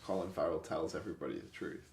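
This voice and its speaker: A man's voice: very deep voice, fast. A man co-hosting a podcast, talking casually and analytically about a film with lots of fillers. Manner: relaxed, analytical, many fillers. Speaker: podcast co-host. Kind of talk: casual film review chat. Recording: echoey room.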